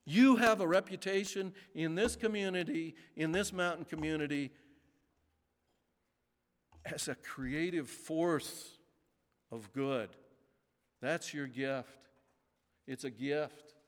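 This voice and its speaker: A male pastor preaching a sermon in a church, speaking slowly with emphatic pauses. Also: fairly high pitch. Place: church sanctuary. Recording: long reverb of a large sanctuary.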